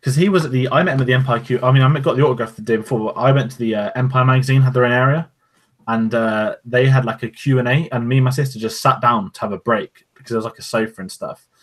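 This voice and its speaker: Fast-talking man in casual podcast chat. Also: medium pitch. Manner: quick, rambling, opinionated. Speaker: podcast co-host. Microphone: podcast microphone.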